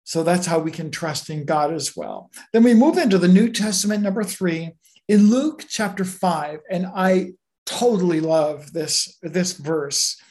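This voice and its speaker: A Bible teacher giving a conversational sermon, relaxed and full of everyday asides and stories. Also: mid-range voice, measured pace. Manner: relaxed, anecdotal, with many asides.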